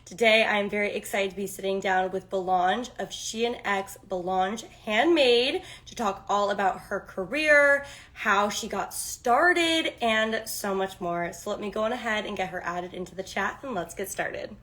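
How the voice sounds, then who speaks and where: A woman's voice: mid-range voice, normal speed, few pauses, a bit bright. A woman hosting a live-streamed interview in an upbeat, enthusiastic way. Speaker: host.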